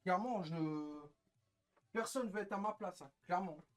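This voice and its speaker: A young man ranting on a live stream, bitter and frustrated, cursing often, repeating himself and swinging between loud outbursts and low muttering. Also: moderate pace. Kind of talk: casual live-stream rant.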